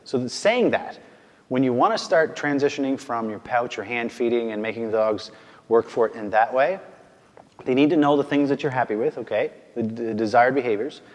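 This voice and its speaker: A man's voice: mid-range voice, brisk, long reverb tail. A male dog trainer giving a casual instructional demonstration, often checking in with "okay?" and "right?", and calling out firm short commands to his dog.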